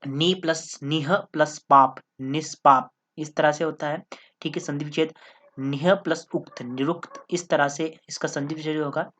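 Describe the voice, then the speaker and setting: A woman's voice: deep voice, steady tone, moderate pace, a bit bright. A woman teaching an exam-prep grammar lesson, explaining step by step and often checking in with her listeners. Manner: explanatory, repeats "ठीक है" and "दोस्तों".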